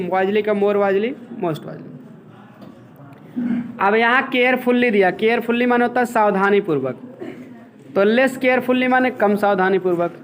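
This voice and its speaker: Male English teacher, high voice, patient step-by-step classroom explainer. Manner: explains step by step, often checking with "ठीक है". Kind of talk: classroom grammar lesson.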